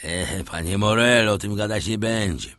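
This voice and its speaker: A man voicing a rough, plainspoken old sailor who speaks in a raised, pleading tone. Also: lowish voice, normal speed, a bit bright, no echo, clean studio sound, close to an everyday voice.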